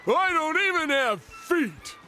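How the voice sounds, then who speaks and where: Game sidekick role: goofy, dim starfish, slow delivery, loud and loyal, music behind. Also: male voice, very high voice, sing-song, full character voice. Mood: dopey, eager. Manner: goofy, slow-witted, echoing others. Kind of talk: animated game cutscene acting.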